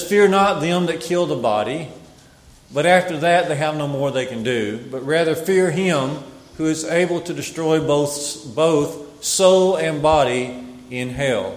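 Man, sermon, measured and emphatic, repeats phrases, slightly high voice. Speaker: preacher. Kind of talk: Bible sermon. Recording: echoey hall with long reverb.

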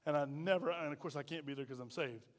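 A middle-aged pastor with a slightly high voice preaches quickly to his congregation, emphatic and folksy, piling up rhetorical questions. The sermon echoes through a church sanctuary with reverberant hall sound.

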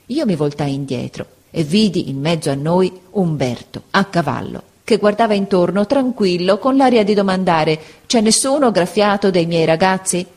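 Brief: a stirred, proud veteran soldier, middle-aged man, read by a woman, fervent audiobook delivery, lower voice. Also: expressive, moderate pace, hardly any pauses, a little mellow. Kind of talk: audiobook reading.

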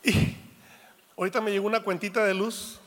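A man, preaching a sermon as pastor in a jokey, animated way, acting out little quotes. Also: high voice, a little fast. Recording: reverberant hall.

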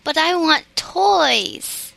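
A woman's voice: sits high, lively intonation, unhurried, bright, forceful tone, no echo, pitched above the performer's own voice, heavily acted. A woman voicing a pleading, earnest little girl in a storybook reading.

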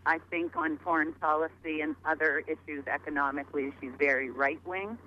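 A woman's voice: sits low, fairly even intonation, brisk. A woman calling into a radio show, giving direct, opinionated views. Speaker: caller. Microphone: telephone. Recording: muffled phone line with faint noise.

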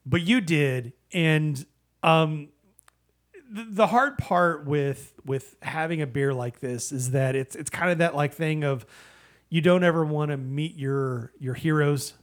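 A man who co-hosts a podcast, giving a casual, rambling and halting review in a conversational style. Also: fairly high pitch. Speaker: podcast co-host, beer reviewer. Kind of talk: casual beer review chat.

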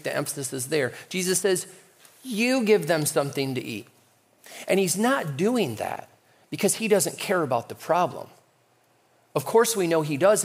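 A male pastor preaching a sermon in a conversational way, with light humor. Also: on the high side.

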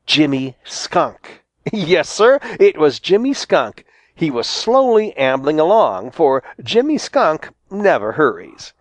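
A man reading a children's storybook aloud with a lively, expressive delivery. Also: fairly high pitch, slow, no echo. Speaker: volunteer audiobook reader. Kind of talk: storybook narration.

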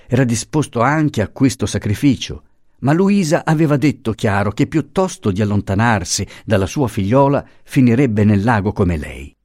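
A man reads a classic novel aloud in a measured, expressive way. His voice is low and swings widely in pitch, and the recording is dry and close with no room sound. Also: no room sound. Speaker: audiobook reader. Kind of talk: scripted narration.

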